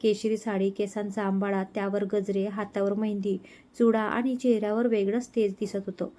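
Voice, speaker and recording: A woman narrating a romantic story in a calm, expressive storytelling manner. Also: medium pitch, normal speed.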